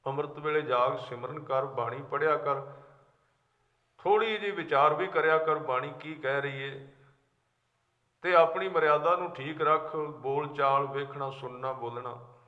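A man's voice: a little high, pushed and bright. A man giving a sermon who explains scripture verses line by line with everyday examples. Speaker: Sikh preacher. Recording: echoey hall, dull lo-fi sound.

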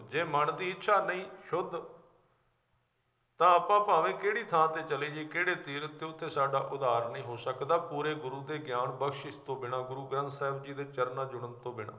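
A man giving a sermon who explains scripture verses line by line with everyday examples. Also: fairly high pitch. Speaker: Sikh preacher. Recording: echoey hall, dull lo-fi sound.

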